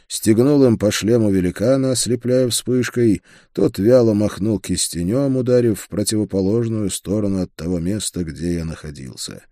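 Male audiobook narrator, low pitch, dry close recording, steady measured delivery. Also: no room sound. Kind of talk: scripted first-person fantasy narration.

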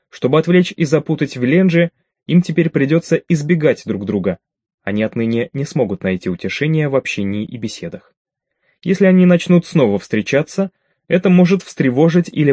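A man reads a science-fiction novel aloud at a steady, measured pace. His voice sits in the middle range, and the recording is dry and close, with no room sound. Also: medium pitch, no echo. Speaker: audiobook narrator. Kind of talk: scripted narration.

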